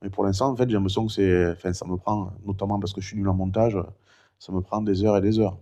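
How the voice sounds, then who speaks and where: A talkative middle-aged man vlogging to camera, wandering from thought to thought with plenty of fillers. His voice sits a little low and sounds warm and mellow. A weakened vocal cord has taken away his high head voice. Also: fairly even intonation, fast. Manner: rambling and talkative, many fillers. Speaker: vlogger recounting his cancer. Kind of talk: casual chatty vlog.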